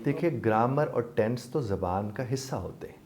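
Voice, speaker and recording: A man's voice: mid-range voice, lively intonation, a little mellow. A man, a life coach and trainer, patiently explaining with polite forms of address to his listeners.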